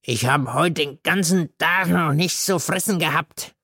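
A man's voice: on the high side, measured pace, pushed and bright, breathy edge, no room sound, clean studio sound, pitched above the performer's own voice, exaggerated voice. A man reading a story aloud and voicing a drunk man who slurs and wheedles for food. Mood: wheedling. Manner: wheedling, slurred pleading. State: drunk, slurring. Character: drunk scruffy man called God.

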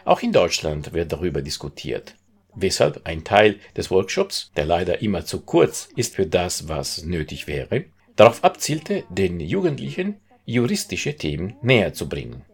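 A man reading a translated interview as voice-over, calm and steady in his delivery. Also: sits low, normal speed. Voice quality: gravelly, husky.

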